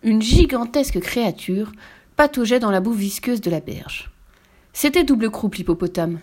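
Expressive woman reading a storybook aloud. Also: a little high, normal speed. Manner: expressive, lively narration.

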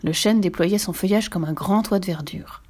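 A woman reading a children's story aloud with gentle, expressive narration. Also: medium pitch, moderate pace, husky.

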